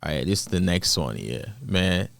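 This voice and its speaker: A man's voice: low-pitched, animated, normal speed, vocal fry, no room sound. A man hosting a drama channel, giving casual, blunt, slangy reaction commentary with repeated rhetorical questions.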